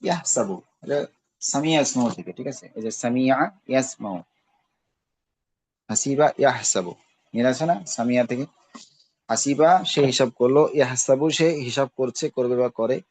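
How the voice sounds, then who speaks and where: A man's voice: mid-range voice, moderate pace, a little mellow, slight background noise. A man teaching a class on Arabic grammar, patiently repeating each verb form with its meaning and checking in as he goes. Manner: checks in with "ঠিক আছে". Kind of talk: recorded class lesson.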